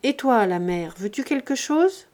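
A woman doing a gruff, stingy old master. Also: a little high, lively intonation, measured pace. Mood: gruff, bossy. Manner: loud, brusque, bossy. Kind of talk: audiobook character voice.

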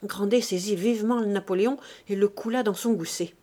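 A woman narrating an audiobook of a classic novel in a measured, restrained way. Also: medium pitch, warm tone.

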